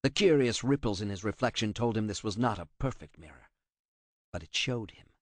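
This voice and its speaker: A man narrating an audiobook with a dramatic, expressive delivery. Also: lowish voice, a little fast, no room sound.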